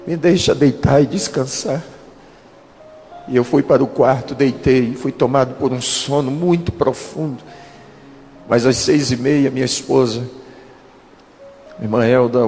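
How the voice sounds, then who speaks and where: A man in his thirties, a pastor, giving a dramatic testimony and slowing down for quoted speech. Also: medium pitch, darkish tone. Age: 30s. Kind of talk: testimony sermon. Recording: reverberant hall with music behind.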